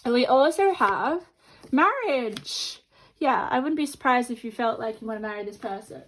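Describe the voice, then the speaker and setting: A woman with a fairly high voice hosts a chatty tarot card reading, addressing viewers directly. She talks with half of her mouth numb from the dentist. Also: expressive, normal speed, fairly bright tone, low-quality recording. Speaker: tarot card reader and host.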